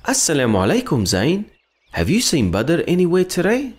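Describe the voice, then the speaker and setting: Lively, kind cartoon mentor. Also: male voice, fairly high pitch, moderate pace, breathy edge, heavily acted. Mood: friendly. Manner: earnest, encouraging, instructive. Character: kind, wise male cartoon friend who guides children. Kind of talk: children's educational cartoon acting.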